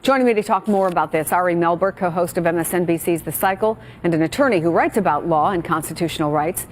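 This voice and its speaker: A woman news anchor reading scripted news copy in a brisk, clear way and introducing guests. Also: fairly low pitch, slight background noise.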